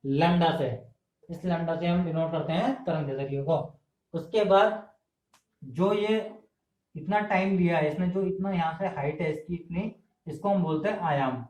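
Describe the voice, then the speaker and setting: Echoey, higher-voiced male teacher drilling terms. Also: normal speed, darkish tone. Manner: asks questions and answers them himself, repeats key terms. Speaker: exam-prep teacher. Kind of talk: classroom lecture. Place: indoor room filmed on camera. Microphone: camera mic. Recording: echoey room.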